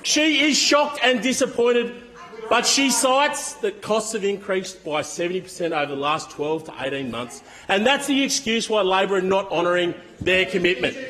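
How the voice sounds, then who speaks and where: A man's voice: high voice, moderate pace, bright, forceful tone, low-quality recording. A man with an Australian accent delivering a combative, emphatic speech in parliament, leaning on repetition for force. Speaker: opposition member of parliament. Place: parliament chamber.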